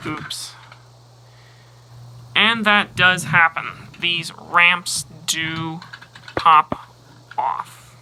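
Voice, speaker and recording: A man explains a toy's transformation step by step in a relaxed, unhurried way. His voice sits a little high for a man, and he pauses and mutters to himself as he works. A steady hiss runs under the recording. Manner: talks through steps while handling a toy, pausing and muttering. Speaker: toy reviewer. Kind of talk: casual toy review walkthrough.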